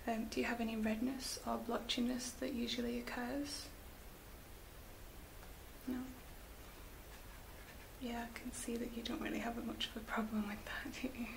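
A woman whispering gently as a spa beauty therapist in an ASMR roleplay, slow and soft with little fillers. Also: fairly high pitch, flat delivery, creaky. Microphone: close sensitive mic. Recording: hissy close mic.

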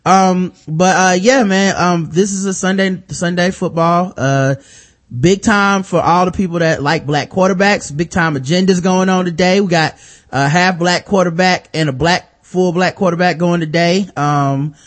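A man's voice: high-pitched, steady tone, normal speed. Laid-back American man hosting a podcast. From United States. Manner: laid-back, lots of ums and uhs. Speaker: podcast host. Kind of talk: casual chat.

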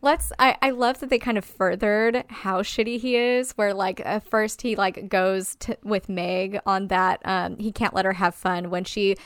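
A woman chatting casually about a film, animated and blunt, swearing freely and mimicking characters' lines. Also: mid-range voice, unhurried, hardly any pauses, smooth, no room sound, studio quality.

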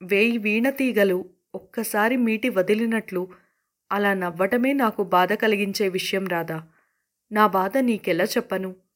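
A man's voice: high-pitched, a little slow, fairly bright tone. A woman reading the lines of a young man who is smitten, pleading in a flowery, poetic way. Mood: lovesick pleading. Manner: poetic, pleading, then fumbling.

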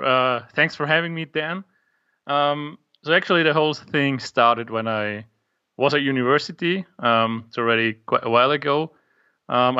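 A man's voice: medium pitch, sharp tone, smooth, highs cut off. A young man with an Austrian accent, a native German speaker, hesitantly describing his app in an interview over a call from his home office. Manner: hesitant, many ums. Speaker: guest, app maker. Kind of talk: casual interview. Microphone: remote call.

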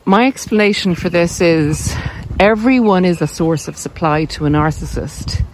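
In a low-quality recording marred by loud vehicle and wind noise and clicks, a woman with a lowish voice speaks at normal speed. She hosts a podcast, explaining informally by raising questions and answering them conversationally.

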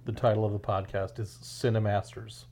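Deadpan low-voiced podcast co-host. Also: male voice, moderate pace. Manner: dry, deadpan jokes. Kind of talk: casual banter.

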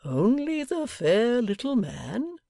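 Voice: medium pitch, big pitch swings, takes it slowly, creaky, mellow, dry recording, studio quality, voice pushed up, exaggerated voice. A reader voicing a mild, fond middle-aged father who speaks tenderly to his daughter. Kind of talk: audiobook character voice.

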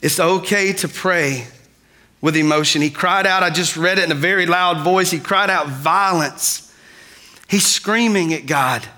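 A man preaching a sermon, shifting between quiet, drawn-out lines and loud cries. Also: sits high. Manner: dynamic, swings from soft to loud. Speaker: pastor.

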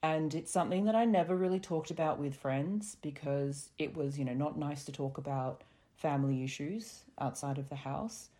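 A woman speaking as a podcast guest through a voice disguise that makes her sound deeper, talking in a reflective, measured way with small restarts over a remote call. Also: warm tone. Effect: voice altered to sound deeper for anonymity. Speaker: guest sharing lived experience. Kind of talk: candid podcast conversation. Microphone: remote recording over a call.

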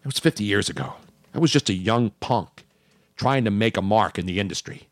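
A man's voice: on the low side, a little fast, dry recording. A man in his sixties or older hosting casual sports talk in a joking, emphatic way. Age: 60s or older. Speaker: talk show host.

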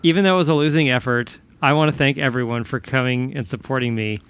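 A man's voice: medium pitch, quick pace, a bit bright, smooth. Chatty man podcast co-host. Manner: chatty, self-deprecating. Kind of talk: casual chat.

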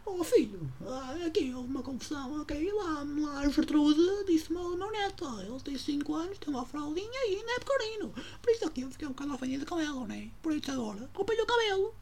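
A young man voicing a fussy elderly woman in European Portuguese, with a shrill, quavering voice. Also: very animated, fast, creaky, few pauses, darkish tone, a little hiss or hum, full character voice. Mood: indignant. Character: fussy elderly woman complaining about a rival.

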